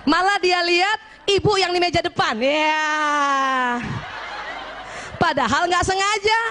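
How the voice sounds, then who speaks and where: An Indonesian woman giving a lively religious lecture to women, playfully acting out husbands and wives as she talks. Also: very high-pitched, slow, a little hiss or hum. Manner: lively, playful, often acts out husband and wife.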